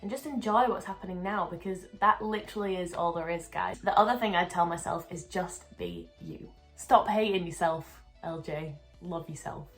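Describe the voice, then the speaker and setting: Young woman, dancer vlogger, slightly low voice, chatty and upbeat, faint music under. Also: very animated, moderate pace, hardly any pauses, rough recording. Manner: chatty, upbeat, laughs often. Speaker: dancer and choreographer. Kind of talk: casual Q&A vlog.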